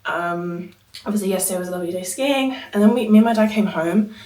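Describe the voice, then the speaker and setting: A woman's voice: medium pitch, quick pace, mellow, reverberant, recorded from a distance, low-quality recording. A young woman in a casual vlog to camera, sounding ill with a cough and short of breath, chatty and frustrated but determined. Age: young adult. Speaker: vlogger. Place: indoors at a holiday home.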